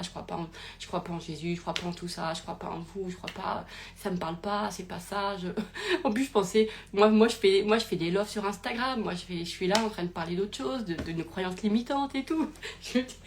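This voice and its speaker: A young woman with a slightly low voice tells a personal story, rambling and restarting, with many fillers. She talks into a phone during a live stream. A faint hiss of background noise runs under her voice. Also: fairly quick. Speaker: podcast host. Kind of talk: casual storytelling from an Instagram live.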